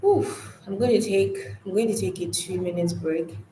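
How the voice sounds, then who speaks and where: A woman's voice: medium pitch, fairly even intonation, moderate pace, warm tone, a little hiss or hum. A woman teaching a live online class on goal setting in a casual, chatty way, often restarting and repeating her words. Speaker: online course instructor. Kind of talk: live-streamed lesson, casual. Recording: roomy, faint ambience.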